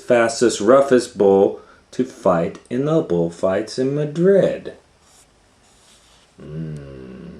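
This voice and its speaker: A man's very deep, slightly mellow voice carries an animated children's read-aloud. As a storytime reader and educator, he talks through the story, explaining and quizzing his listeners in asides, and the recording has room echo and faint noise.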